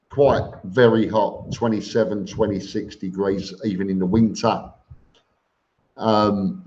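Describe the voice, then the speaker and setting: Slow-talking man, casual live streamer, dull audio. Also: lowish voice, darkish tone. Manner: informal and blunt, calls listeners mate. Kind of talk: casual live chat, reading out viewer comments and answering.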